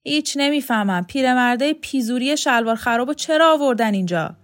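A woman reading the part of a burly, threatening man with a gravelly voice in an audiobook. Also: sits high, expressive, voice pushed up. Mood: menacing.

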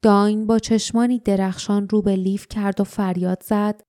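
A woman narrating a fantasy audiobook in a steady, dramatic storytelling manner. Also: medium pitch, no room sound, clean studio sound.

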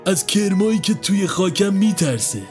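A man's voice: sits high, lively intonation, a little mellow, faint music behind, pitched above the performer's own voice. A man voicing a possessed old man who talks like a cruel child under hypnosis, with a gleeful, childlike manner. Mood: childish, sinister.

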